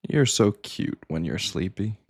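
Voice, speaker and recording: An actor playing a charming, teasing doctor who appears as a fantasy boyfriend, with a warm, playful and grumbly manner. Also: male voice, fairly low pitch, animated, unhurried, no echo, studio quality, exaggerated voice. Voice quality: grumbly, gravelly. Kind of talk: short film drama.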